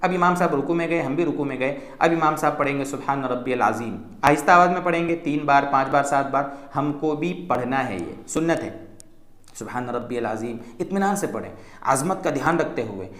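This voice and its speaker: Animated and a little fast, a man with a medium-pitched, slightly bright voice teaches how to pray as a mufti in a roomy-sounding recording. It's a religious instruction talk delivered patiently, step by step, with frequent "theek hai" check-ins.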